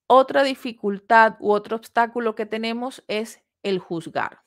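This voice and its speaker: A woman giving a recorded course lecture, explaining steps in a measured way with pauses and rhetorical questions. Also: on the high side. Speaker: course instructor. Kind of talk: recorded lecture on customer service.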